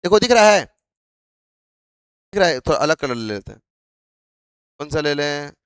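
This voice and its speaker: A man's voice: fairly high pitch, very animated, moderate pace, clear, resonant tone, no room sound. A male biology teacher lecturing a class, asking questions over and over to drill his students.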